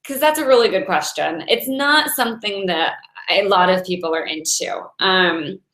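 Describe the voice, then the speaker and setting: A woman's voice: medium pitch, a bit bright. A woman in her forties giving a chatty, earnest inspirational talk as a meditation teacher, laughing now and then between thoughts. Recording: echoey room.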